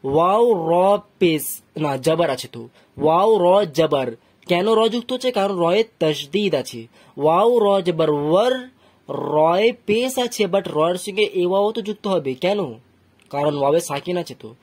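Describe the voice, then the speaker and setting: A man's voice: sits high, lively intonation, normal speed, husky. A man with a Bangladeshi Bengali accent teaching Quran reading, patiently spelling out letters and vowel marks one syllable at a time. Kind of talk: slow syllable-by-syllable recitation lesson.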